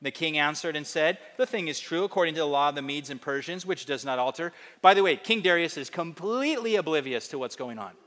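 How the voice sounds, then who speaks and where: A man preaching a sermon as pastor, animated, acting out quoted voices in a higher pitch. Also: fast, hardly any pauses, long reverb tail.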